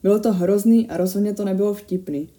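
Dark-voiced woman narrating a horror story. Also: mid-range voice, fairly even intonation.

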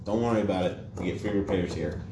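A man voicing Saint Peter, a wry older gatekeeper of heaven, in a dry deadpan way. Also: low-pitched, fast, far from the mic, natural voice. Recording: echoey room with background noise.

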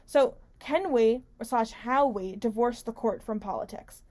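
Higher-voiced woman giving rambling political commentary. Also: unhurried, darkish tone. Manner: rambling, self-interrupting, conversational, with emphatic stresses. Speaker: host of a weekly political talk radio show. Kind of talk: opinionated political commentary, casual and unscripted. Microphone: studio-style microphone pulled close, with squeaky stand.

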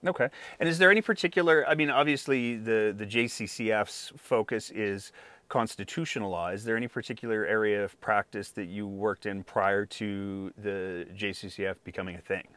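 Male podcast host, low-pitched, dry close sound, careful and hedging delivery. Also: moderate pace, a bit bright, dry recording. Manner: careful, hedging, many fillers. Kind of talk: interview podcast, scripted intro.

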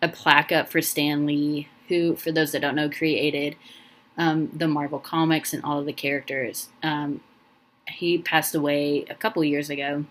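A woman's voice: low-pitched, level tone, normal speed. A young woman hosting a casual solo podcast, rambling and heartfelt, full of ums and restarts, sounding emotional and close to tears. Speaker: podcast host.

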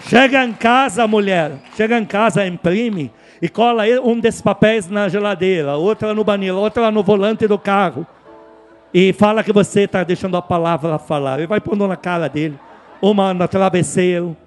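A man preaching a sermon, emphatic and repetitive, dropping to hushed asides and then rising to loud, lively exhortation. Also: high-pitched, moderate pace, soft background music. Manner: emphatic, repeats key words, swings from hushed to loud. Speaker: pastor.

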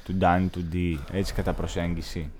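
A man with a low, dark, mellow voice co-hosts a laid-back podcast. He talks casually, halting and restarting often as he searches for words. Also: little pitch movement, slight background noise. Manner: chatty, halting, many restarts and fillers. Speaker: podcast co-host, comedian. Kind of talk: casual chat.

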